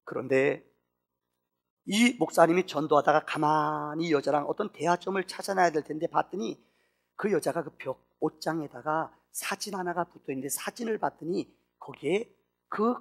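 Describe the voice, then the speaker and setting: A preacher telling a sermon story dramatically, dropping to a hush and then rising to near shouts. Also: medium pitch, gravelly, slightly rough. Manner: dramatic, swinging between hushed and shouted.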